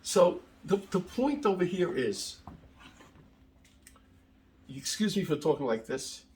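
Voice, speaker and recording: A middle-aged rabbi lectures with emphasis, hammering points by repeating phrases. His voice sits a little high for a man. He scatters Hebrew and Yiddish terms through his talk. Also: very animated, takes it slowly, darkish tone, a little hiss or hum. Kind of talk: lecture to an audience.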